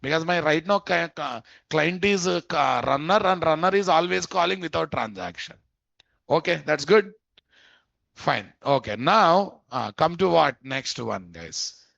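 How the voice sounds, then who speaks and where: A man's voice: on the high side, expressive, measured pace, gravelly, fairly bright tone, no echo. A man with an Indian Telugu accent giving an informal live programming lesson, asking questions he answers himself and repeating phrases for emphasis. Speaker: programming instructor. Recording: dull, muffled lo-fi close recording.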